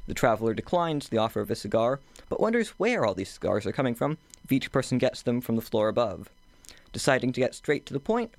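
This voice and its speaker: A young man, a student, reading his own short story aloud at a measured, steady pace. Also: mid-range voice, vocal fry, dry recording. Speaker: student author.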